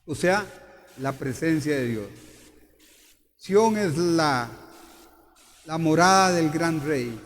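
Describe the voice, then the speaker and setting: Male pastor, slow and emphatic sermon, reverberant church hall. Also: on the high side, lively intonation. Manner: emphatic, repeats questions to the congregation.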